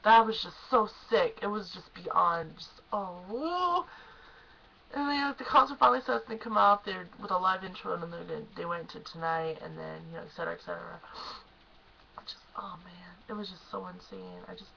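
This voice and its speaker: A young woman gushes about a concert in a casual, emotional rush, full of "like" and "oh my gosh." Her voice is bright and edged with vocal fry. The recording sounds dull and lo-fi, with a faint hiss behind her. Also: fairly low pitch, moderate pace. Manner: gushing, emotional, lots of "like" and "oh my gosh". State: choked up. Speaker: concert fan vlogger. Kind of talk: excited casual recap.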